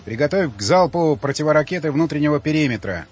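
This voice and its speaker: Stern male colonel barking commands, read by a male narrator; husky edge. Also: a little high, lively intonation, fast talker, voice pushed up. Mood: commanding. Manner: barking orders, gruff. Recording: slightly dull audiobook audio, faint music.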